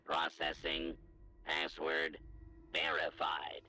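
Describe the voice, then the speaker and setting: Very deep and dead-level, this is a bank terminal computer from a video game. It drawls out its processing steps in slow, clipped machine announcements, and game music plays behind it. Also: male voice, little pitch movement, vocal fry, bright, forceful tone, exaggerated voice. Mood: flat, mechanical.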